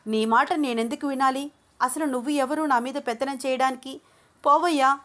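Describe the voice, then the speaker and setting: Anu is a young woman, hurt and defiant, her voice set high and strained. Her tearful replies turn into loud, angry shouting. A woman narrator voices her in an audio story. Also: steady tone, a little fast, natural voice. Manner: tearful then shouting angrily.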